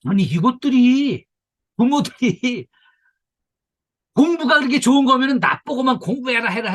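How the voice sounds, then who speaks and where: An older man giving a workplace safety lecture to staff, lively and coaxing, now and then mimicking nagging voices and leading the room through stretches. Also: sits high. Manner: leads audience through stretches. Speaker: safety instructor.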